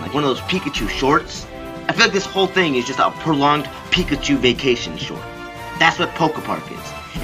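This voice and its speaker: A man giving a casual, rambling video game review with a sarcastic, joking manner. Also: mid-range voice.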